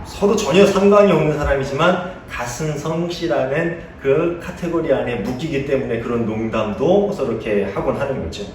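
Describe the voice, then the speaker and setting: A male pastor gives a conversational sermon and mixes playful teasing stories with questions for his listeners. His voice sits at a middle pitch and rings through a reverberant church space. He is picked up from a distance, with faint noise behind him. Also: moderate pace, hardly any pauses. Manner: conversational, asks the congregation questions. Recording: echoey room heard from a distance.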